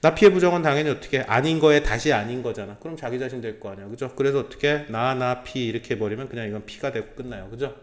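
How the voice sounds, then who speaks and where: A man's voice: mid-range voice, quick pace, hardly any pauses. A man lecturing a small class as a math tutor, checking in with students through constant tag questions and throwing in blunt slangy asides.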